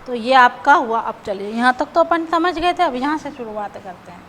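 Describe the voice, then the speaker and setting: A woman's voice: high-pitched, lively intonation, normal speed, fairly bright tone, slight background noise, low-quality recording. A woman teacher explaining grammar step by step, patient, who often checks in with her students as she goes.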